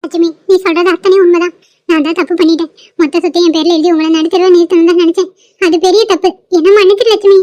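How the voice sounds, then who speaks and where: A woman's voice: very high-pitched, steady tone, quick pace, warm tone, no room sound. A woman voicing a remorseful old grandmother in a cartoon, begging forgiveness in a tearful voice. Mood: pleading. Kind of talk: cartoon voice acting.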